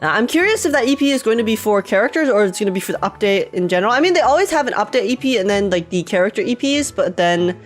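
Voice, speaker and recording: A woman live-streaming a game reaction in casual chat, chatty and excitable, repeating herself and laughing often, with a slightly stuffy nose from just waking up. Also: mid-range voice, fast, few pauses, soft background music. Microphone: desk microphone with webcam.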